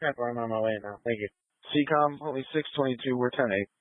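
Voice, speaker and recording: A man's voice: mid-range voice, quick pace, no echo. A man calling in to dispatch as a police officer, terse and procedural. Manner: terse, procedural, spells with a phonetic alphabet. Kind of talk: routine police radio call-in. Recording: narrow, dry police radio transmission.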